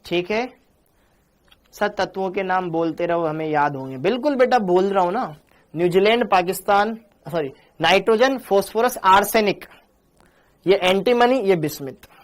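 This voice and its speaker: A man's voice: high-pitched, moderate pace. A man teaching a live online chemistry class, coaxing and teasing his students as he reads their chat messages.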